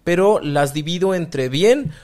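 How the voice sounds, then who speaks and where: A man's voice: fairly high pitch, lively intonation, measured pace, a little mellow. A man with a Mexican Spanish accent, hosting a podcast as a reflective, conversational monologue about emotions, often acting out what other people say. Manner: conversational, acts out quoted parents and friends. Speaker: podcast host.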